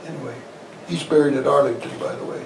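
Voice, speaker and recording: This is a gravelly elderly man in his eighties, halting and folksy, a Korean War veteran being interviewed for an oral history in conversational style. His voice is mid-range with fairly even intonation. He sits in an armchair in a small living room, and the lavalier on his shirt gives roomy, distant audio with faint noise.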